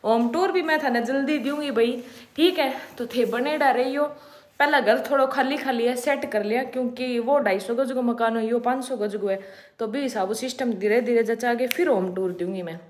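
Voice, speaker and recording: A woman's voice: fairly high pitch, moderate pace. A young woman in her twenties with a Rajasthani accent, chatting playfully and teasing as a vlogger while riding in a car. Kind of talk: casual vlog chatter. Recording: roomy sound with faint background noise.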